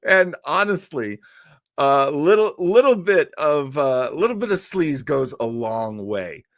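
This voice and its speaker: This early-sixties man runs a livestream devoted to classic radio, talking casually and meandering with viewers while tossing in jokes. His voice sits on the high side, animated yet unhurried, with a fairly bright tone. It's captured in studio quality with no room sound.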